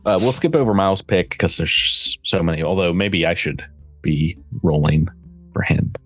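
Casting: easygoing game master, a man with a lowish voice. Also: lively intonation, normal speed, soft background music. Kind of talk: casual tabletop game session.

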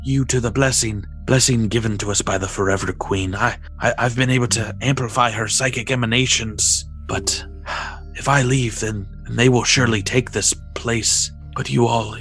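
A man's voice: mid-range voice, steady tone, normal speed, a bit bright, soft background music, lightly acted. A man voicing a frail old alien priest in a tabletop game, stammering and portentous like a fortune teller. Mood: anxious, reverent. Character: old mystical alien priest, frail, rambling, ominous seer. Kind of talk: tabletop game character acting.

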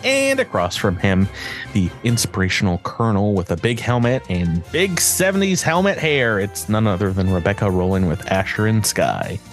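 A man runs a tabletop game, joking through the player introductions. His pitch swings up and down freely. Soft music plays quietly behind him. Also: big pitch swings, normal speed. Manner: playful, jokey, laughs often. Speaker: game master. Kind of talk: casual actual-play chat and intros.

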